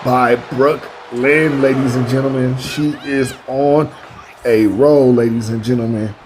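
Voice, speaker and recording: Slow-paced male wrestling commentator, noisy recording. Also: medium pitch, fairly even intonation. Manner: announcer-style address to listeners with stock exclamations. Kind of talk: wrestling commentary over a video game. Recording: clear background noise behind the voice.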